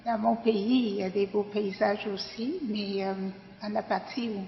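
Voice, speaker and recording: A woman in her sixties, from Pakistan, gives a personal testimony as a garden volunteer. She speaks very slowly and hesitantly, with many fillers. The recording is dull and lo-fi, with a long hall echo. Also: mid-range voice, flat delivery, vocal fry. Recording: echoey hall, dull lo-fi sound.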